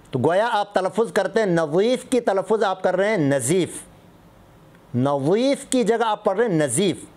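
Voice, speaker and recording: High-voiced man teaching recitation. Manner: explains patiently with contrasting word examples. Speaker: mufti teaching Islamic rulings. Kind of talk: religious lesson on Quran recitation.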